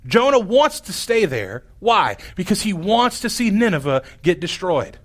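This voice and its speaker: A man's voice: sits high, sing-song, unhurried. A man preaching a sermon, telling a scripture story in a wry, exasperated way. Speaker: pastor.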